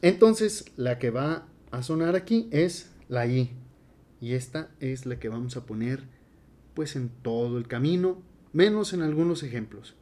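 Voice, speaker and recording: A man teaching Latin grammar in a relaxed, conversational classroom lecture, with frequent fillers. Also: mid-range voice, measured pace. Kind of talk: casual classroom lecture at a board.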